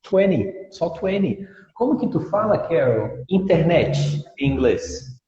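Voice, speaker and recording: A man, an English teacher speaking in an interview. He explains patiently and models pronunciations with examples, in a soft, mellow voice pitched a little high. The audio is dull and echoey, with a long room reverb. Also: very animated, slow pace.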